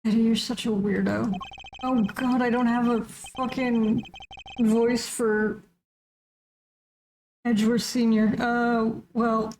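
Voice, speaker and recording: A woman's voice: fairly high pitch, little pitch movement, slow, pauses often, darkish tone, slight background noise. A woman streaming a game live, joking casually and reading its lines aloud in a plain voice.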